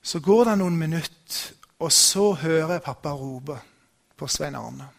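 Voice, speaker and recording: A middle-aged man preaching a sermon, telling a personal story in a relaxed, conversational way with frequent restarts. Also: on the high side, vocal fry. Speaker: pastor.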